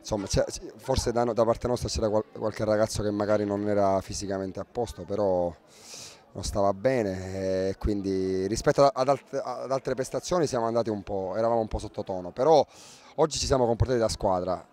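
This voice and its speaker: A man in his thirties gives a post-match interview as a football coach. His voice is fairly low, picked up outdoors on a handheld mic. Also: steady tone, brisk, mellow. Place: outdoors by a fence at a football ground. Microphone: handheld interview microphone.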